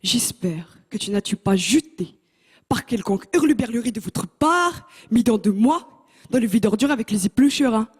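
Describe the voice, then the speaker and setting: A woman's voice: a little high, expressive, husky, long reverb tail. Woman doing her stern old father. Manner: mangled grammar, slow and solemn. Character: stern older immigrant father, broken French.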